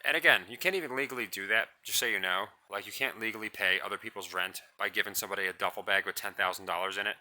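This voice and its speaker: A lowish-voiced man rattles through a solo rant at a quick pace, with hardly any pauses. The commentary host is blunt and scornful, rambling and restarting as he goes, and he says his voice is monotonous.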